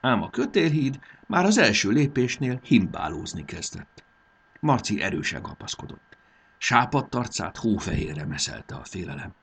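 A man narrating a children's adventure story in a scripted, storybook style. His voice is low, with a gravelly and husky texture. He reads expressively, with pitch that rises and falls in lively curves. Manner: expressive, animated reading.

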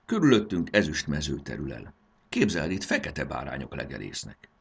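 A man's voice: a bass voice, creaky, breathy edge, exaggerated voice. Man voicing an eager young boy. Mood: steady. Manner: excited, breathless exclaiming.

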